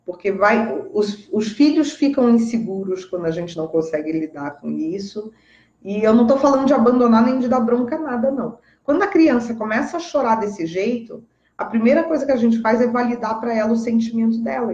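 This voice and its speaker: A woman's voice: on the high side, animated, a little fast, darkish tone, reverberant, lo-fi sound. A woman with a Brazilian Portuguese accent, a parenting educator giving casual, emphatic advice and often checking in with her listeners.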